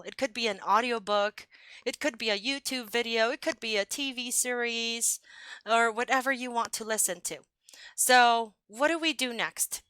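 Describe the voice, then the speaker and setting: In an online English lesson, a young American woman teaches clearly and upbeat, stressing example phrases so learners can repeat them. Her voice is a bit high, bright, and forward. The close, dry recording has no room sound or echo but is low quality.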